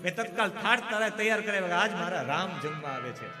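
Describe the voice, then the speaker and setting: Guy doing a teary devout shopkeeper, earnest, high voice, music behind. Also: lively intonation, brisk, close to an everyday voice. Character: weeping pious middle-aged male shopkeeper. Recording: reverberant hall with music behind.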